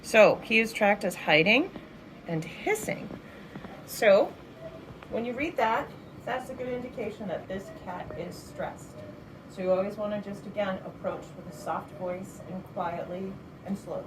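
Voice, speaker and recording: A shelter volunteer trainer speaks softly and without hurry as she walks through instructions in the cat room. She's patient and uses a high sing-song baby voice with the cats, and she's recorded from a distance in an echoey space with audible background noise.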